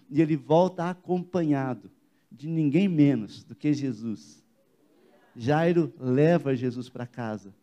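A man's voice: fairly high pitch, dark tone. A male pastor with a Brazilian Portuguese accent preaching a church sermon, emphatic and full of rhetorical questions to the congregation. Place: church service.

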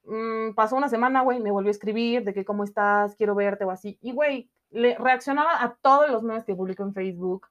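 A young Mexican woman tells a story on a podcast in relaxed, slangy talk, piling on fillers as she goes. Her voice sits a little high, and the recording sounds slightly dull and muffled. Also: fast talker, hardly any pauses. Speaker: podcast co-host. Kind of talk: casual chat.

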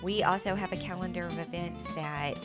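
A woman's voice: fairly low pitch, fairly even intonation, brisk, over music. A woman co-hosting a casual podcast, upbeat and promotional. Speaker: podcast co-host. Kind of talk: casual chat.

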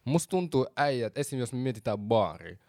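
A young man co-hosting a podcast in casual chat, animated and slangy, dropping English phrases. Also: medium pitch, no echo, studio quality. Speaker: podcast co-host.

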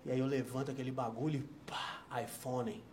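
A man voicing a polite, formal restaurant waiter who speaks softly and deferentially during a comedy routine. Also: mid-range voice, fairly even intonation, fairly quick, pitched below the performer's own voice, close to an everyday voice. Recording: live club, audience laughter, noisy.

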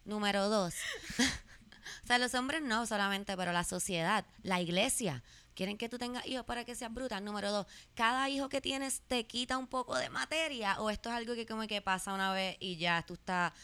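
A woman with a Puerto Rican accent chatting casually as a podcast co-host, animated and quick to joke, dropping English words into her talk. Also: medium pitch, clean tone. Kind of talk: casual chat.

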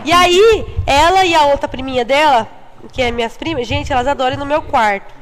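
Loud, high-voiced young woman telling stories. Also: brisk. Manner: loud and animated, laughing storyteller. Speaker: storyteller in a group chat. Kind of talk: casual chat.

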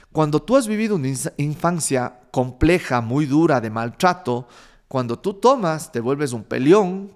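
A man, telling life stories in a frank, animated way and swearing casually. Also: a little high. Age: 30s. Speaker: vlogger sharing life lessons. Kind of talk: casual storytelling monologue.

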